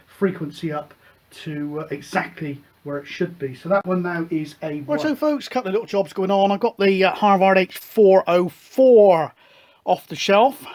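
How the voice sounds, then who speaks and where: Relaxed and full of fillers, a British radio hobby host rambles through a casual show-and-tell chat in a fairly high voice.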